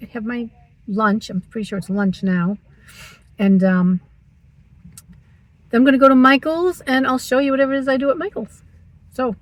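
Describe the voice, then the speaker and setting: A woman's voice: on the high side, no echo, poor audio. A woman in her sixties vlogging from her parked car, chatty and teasing herself as she talks. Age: 60s. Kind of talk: casual chatty vlog.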